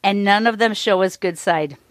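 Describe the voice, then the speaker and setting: A woman's voice: mid-range voice, normal speed, a little hiss or hum. A woman reading a playful sponsor spot for a hobby podcast, breaking into giggles. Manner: giggly, keeps breaking into laughter. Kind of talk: playful scripted ad read.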